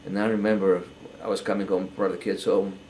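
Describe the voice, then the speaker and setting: Older man, halting earnest testimony. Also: deep voice, flat delivery, a little hiss or hum, rough recording. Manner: halting, repeats words, quiet and earnest. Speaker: interviewee.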